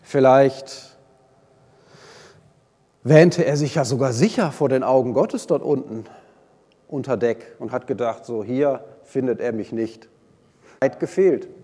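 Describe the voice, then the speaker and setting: A man preaching a sermon, retelling a Bible story with lively swings between loud and hushed delivery. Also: a little high. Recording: long hall reverb.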